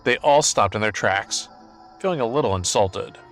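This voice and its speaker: A man narrating an action novel as an audiobook in a steady, even storytelling voice. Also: on the low side, moderate pace, faint music behind.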